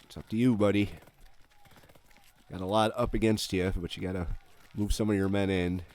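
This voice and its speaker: Very low-pitched man casually commentating a game. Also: fairly even intonation, normal speed, a little mellow, a little hiss or hum. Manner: low-key, thinking aloud. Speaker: gamer commentating on his own play.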